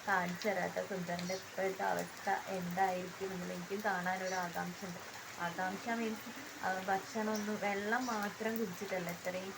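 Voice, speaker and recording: Woman vlogger with a gravelly voice, casual and chatty, recorded outside with steady rain hiss. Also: medium pitch. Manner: chatty, explaining step by step. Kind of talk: casual vlog narration. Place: outdoors at home during heavy rain.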